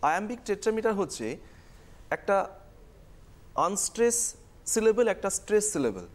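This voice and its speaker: A woman's voice: medium pitch, big pitch swings, slow pace, a little mellow. A woman teaching a televised exam-prep lesson, explaining step by step and repeating key terms.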